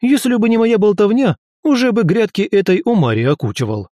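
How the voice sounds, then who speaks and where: A man's voice: high-pitched, very animated, brisk, dark tone, dry recording, clean studio sound, voice pushed up. Man putting on a snarling tiny hamster god. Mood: indignant. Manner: boastful and scornful, snapping insults. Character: irritable arrogant tiny male hamster deity.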